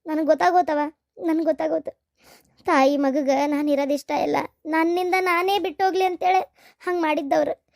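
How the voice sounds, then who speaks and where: A woman's voice: very high-pitched, fairly even intonation, normal speed, vocal fry, no echo, clean studio sound. A woman voicing a tearful young married woman in a cartoon, pleading in a North Karnataka Kannada accent. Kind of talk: cartoon voice acting.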